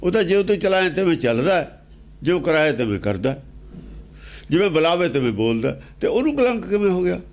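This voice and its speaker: Male preacher, higher pitch, very animated delivery, repeats phrases for emphasis, chants verses then explains them. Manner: chants quoted verses slowly, then explains in rapid spoken commentary; rhetorical questions, repetitive emphatic phrasing. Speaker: preacher expounding scripture. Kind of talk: sermon.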